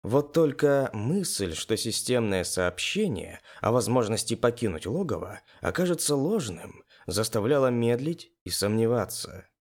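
Expressive male audiobook narrator. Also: mid-range voice, measured pace, few pauses. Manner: expressive storytelling. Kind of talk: first-person narration of game fiction.

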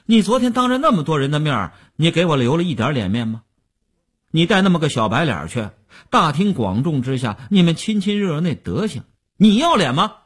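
A man's voice: on the high side, very animated, brisk, slightly rough, voice pushed up. A man voicing an angry, jealous man who hurls mocking, insulting questions. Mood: furious. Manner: shouting accusations, mocking questions.

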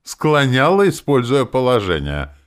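A man's voice: mid-range voice, wildly swooping pitch, measured pace, clean tone, pitched above the performer's own voice. A man reading an audiobook voices a brash, foul-mouthed female demon who talks in a sly, mocking, swaggering way. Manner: sarcastic, swaggering, swears freely.

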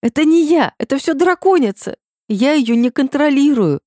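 A woman voicing a panicked young female student near tears in an audiobook, pleading in a high, strained voice. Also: lively intonation, normal speed, dark tone, no echo, clean studio sound. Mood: pleading, desperate.

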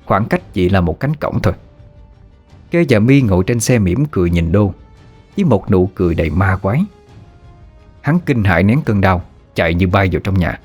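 Man, low voice, steady horror story narration, faint music underneath. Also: moderate pace, long pauses, breathy edge.

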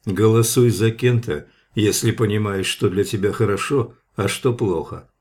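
A man's voice: lowish voice, normal speed, darkish tone, breathy edge. A man reading the lines of a domineering male crewman who speaks in a stern, mocking way.

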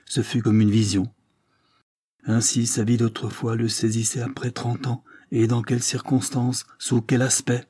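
A man reading a classic novel aloud as an audiobook, narrating in a measured, even way. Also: mid-range voice, slightly rough, no room sound, clean studio sound. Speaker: audiobook reader.

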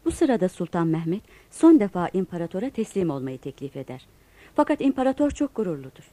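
A woman's voice: fairly low pitch, big pitch swings, fast talker, warm tone. A woman in a radio play as a patient storyteller, narrating history for children. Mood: storytelling.

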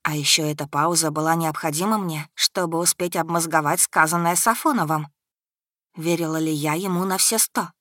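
Bright-voiced woman narrating a novel. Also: low-pitched, normal speed, dry recording, studio quality. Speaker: audiobook narrator. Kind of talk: first-person audiobook narration.

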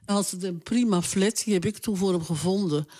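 A woman's voice: medium pitch, fairly quick, dark tone. An older woman being interviewed, recalling her late partner in a hesitant, plain-spoken way with many fillers. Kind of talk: casual reminiscing conversation.

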